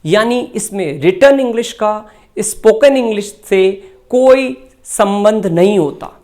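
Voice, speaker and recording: Slow, deliberate Indian woman teacher. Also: medium pitch, lively intonation, warm tone. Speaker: English teacher. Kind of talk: scripted lesson narration.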